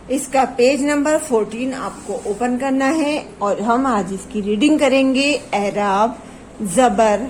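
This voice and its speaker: A woman teaching an online Urdu reading class to children, explaining patiently and drilling syllables slowly. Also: a little high, darkish tone, slight background noise, poor audio. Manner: slow drilled syllable recitation.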